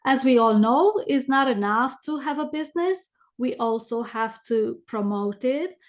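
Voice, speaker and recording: A middle-aged business coach with a thick Romanian accent appears as a podcast guest, telling stories conversationally during an interview. Her voice sits high and sounds expressive, and she takes her time.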